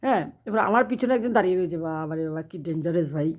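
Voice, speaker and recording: A woman's voice: on the low side, lively intonation, rapid-fire, a little mellow. A woman telling a funny religious story in a chatty, laughing way. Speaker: cooking channel host. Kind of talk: casual comic monologue.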